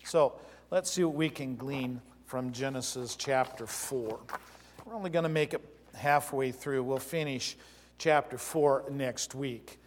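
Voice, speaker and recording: A male pastor preaching a sermon in a church, telling stories and swinging between loud emphasis and soft asides. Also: mid-range voice, measured pace, a little hiss or hum. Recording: long hall reverb.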